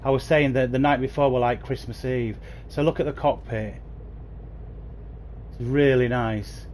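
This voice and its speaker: Talking into a new gaming headset, a man livestreams a bus game from his home console and eagerly calls out viewers by name. His voice is medium in pitch, a little slow and mellow, with fairly even intonation and a little hiss or hum.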